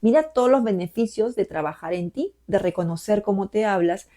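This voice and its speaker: A woman life coach speaks straight to her viewer with a mellow, warm tone at a middle pitch. She talks gently and encouragingly and keeps asking soft rhetorical questions. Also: animated, a little fast. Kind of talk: motivational talk to camera.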